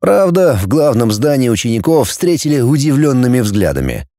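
A man narrating a novel as an audiobook, expressive and voicing each character. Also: medium pitch, normal speed, no room sound, studio quality, faint music behind.

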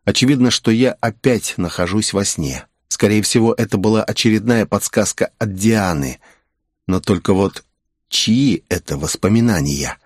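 A man's voice: fairly low pitch, normal speed, dry recording, clean studio sound. A man narrating a first-person novel in a wry, musing manner. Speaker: audiobook narrator.

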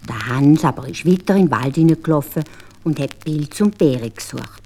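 A woman with a Swiss German accent telling a fairy tale in a lively, dramatic way, often dropping to a whisper. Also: sits low, fairly quick. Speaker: storyteller.

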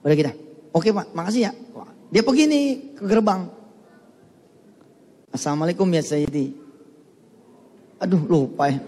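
Man, light comic preacher who plays every part in his anecdotes, high pitch, long reverb. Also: a little mellow, a little hiss or hum. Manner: acts out little dialogues, switching voices. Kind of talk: humorous religious talk to an audience.

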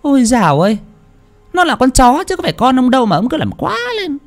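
A sharp-tongued older village wife played by a man scolds with a very high, lively voice. She speaks with a dismissive bite. Faint music plays under her. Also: quick pace, heavily acted. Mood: scolding.

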